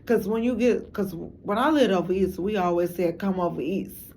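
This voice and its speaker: A woman's voice: medium pitch, moderate pace, a little mellow, a little hiss or hum. A woman from Chicago with a Chicago accent, talking loosely and casually to camera for her own documentary, often restarting her sentences. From Chicago, United States. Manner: loose, meandering storytelling with frequent restarts. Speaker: documentary maker and narrator.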